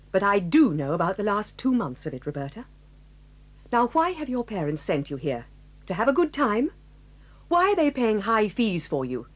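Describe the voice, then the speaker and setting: In a 1980s audio drama, an actress with a rather high female voice plays a stern, dignified headmistress who scolds her pupils in a measured way.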